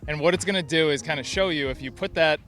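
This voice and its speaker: Upbeat male host in his 30s on a city street, talks at a clip, slightly high voice, faint music under him. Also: a bit bright. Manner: upbeat, quick questions and number rundowns. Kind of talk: street interview.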